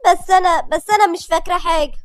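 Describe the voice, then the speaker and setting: A woman's voice: very high-pitched, racing, no echo, clean studio sound, voice pushed up. A woman with an Egyptian accent voicing a frightened young wife who has lost her memory and stammers nervously. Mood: anxious. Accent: Egyptian Arabic.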